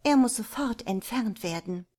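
A woman's voice: fairly high pitch, animated, unhurried, dark tone, voice pushed up. A woman reading the part of a genteel American lady who is fussy and easily shocked. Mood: fussy, dismayed. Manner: fussy, exclaiming.

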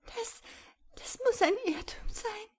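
A woman doing a tearful, grieving young girl. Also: takes it slowly. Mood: sobbing. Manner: high, pleading and tearful. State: crying.

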